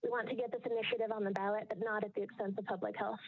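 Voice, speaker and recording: A woman calling in over a phone line, reading a prepared statement in a steady, measured way. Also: medium pitch. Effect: heard over a phone line. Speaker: caller giving public comment. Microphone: telephone. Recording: tinny, clipped phone line.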